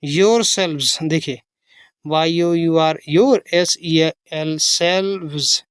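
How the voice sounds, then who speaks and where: An English teacher giving a slow phonics reading lesson, spelling each word out letter by letter and explaining how to pronounce it. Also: medium pitch, smooth, dry recording, clean studio sound. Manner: spells letters aloud one by one, patient and explanatory.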